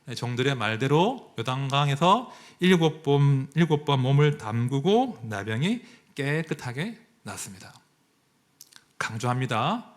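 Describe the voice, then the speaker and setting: A male pastor preaching a sermon, animated and full of rhetorical questions to the congregation. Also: mid-range voice, a little slow.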